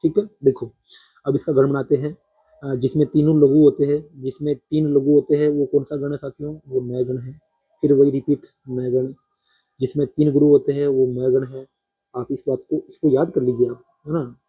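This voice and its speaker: Husky-voiced man teaching poetry meter. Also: medium pitch, little pitch movement, lo-fi sound. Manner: counting syllables aloud slowly, addressing students directly. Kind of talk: Hindi poetry-meter lesson.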